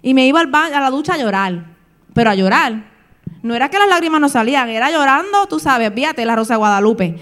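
Woman preaching a sermon, high voice, animated, moves between hushed and loud. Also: quick pace, hardly any pauses.

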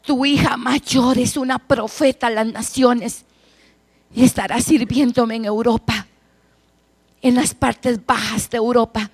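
A woman preaching a prophetic sermon in the voice of God, fervent and chant-like, swelling loud and dropping to a hush. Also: fairly high pitch, fairly even intonation, a little slow, breathy edge. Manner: repetitive, chant-like declarations.

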